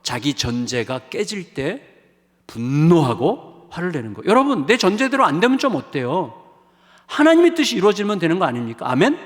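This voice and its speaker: A middle-aged male pastor preaching a revival sermon with emphasis, rising to exclamations and dropping to hushed asides. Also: fairly high pitch, sing-song, moderate pace. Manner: emphatic, swings between raised exclamations and hushed asides, acts out quoted voices. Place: church sanctuary. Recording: long reverb of a church hall.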